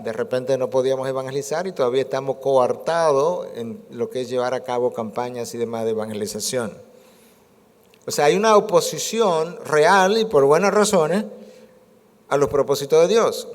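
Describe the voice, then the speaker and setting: A man in his sixties delivers a sermon as a pastor, stacking repeated phrases and rhetorical questions to drive his point home. His mid-pitched voice carries a long reverb from a church hall. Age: 60s. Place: church sanctuary.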